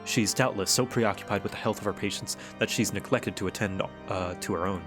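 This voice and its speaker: A man's voice: on the low side, brisk, music in the background, pitched below the performer's own voice, natural voice. A man voicing courteous, weary fantasy knights and camp folk, reading game dialogue in formal, old-fashioned phrasing. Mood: earnest, formal. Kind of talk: read-aloud game dialogue.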